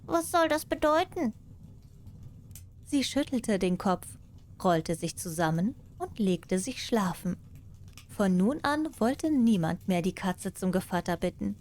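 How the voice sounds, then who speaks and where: A woman narrating bedtime fairy tales as an audiobook storyteller, in a warm, gentle manner. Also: medium pitch, lively intonation, a little slow.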